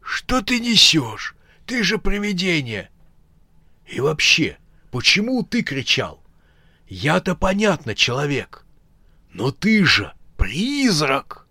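A man's voice: a little high, sing-song, slow pace, pushed and bright, breathy edge, dry recording, pitched above the performer's own voice, exaggerated voice. Old bandit, greedy and argumentative, strained raised voice, performed by a male narrator, dry sound. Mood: frightened.

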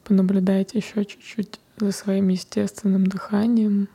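A woman softly whispering a guided breathing meditation, counting breaths in a slow, calm way. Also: medium pitch, husky.

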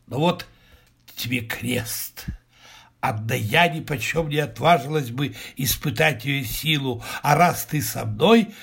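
Sly scared medieval wife, unhurried, storybook reading, as a man puts her on. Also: a little high, vocal fry, a bit bright, slightly rough, heavily acted. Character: frightened, cunning medieval wife.

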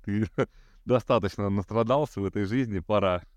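Very low, smooth-voiced man in his thirties. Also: moderate pace, no room sound, dull audio. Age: 30s. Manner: hesitant, many fillers, laughs at himself. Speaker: podcast guest. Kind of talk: casual conversation.

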